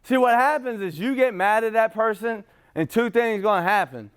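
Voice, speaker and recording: A man's voice: high voice, lively intonation, normal speed, clear, resonant tone. A man giving an unscripted, profane personal share at a recovery meeting. He talks emphatically, repeats and restarts himself, and laughs between points. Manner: rambling with restarts and repetition. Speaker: speaker sharing at a recovery meeting.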